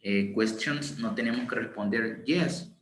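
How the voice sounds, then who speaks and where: Man teaching English slowly in Spanish. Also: medium pitch, a little hiss or hum. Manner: explanatory, slow deliberate English examples. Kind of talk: online English lesson explained in Spanish. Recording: roomy echo with faint ambience.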